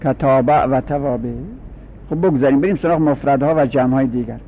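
Man lecturing on grammar, muffled lo-fi. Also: mid-range voice. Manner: explains slowly, repeats and drills forms. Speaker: teacher of Arabic grammar. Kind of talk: classroom lecture. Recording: dull lo-fi recording with faint hum.

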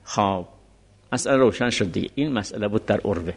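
A man's voice: lowish voice, creaky, husky. A middle-aged man teaching a seminary class, reading passages from a legal text and explaining them step by step. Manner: explains step by step, reads Arabic text then restates it.

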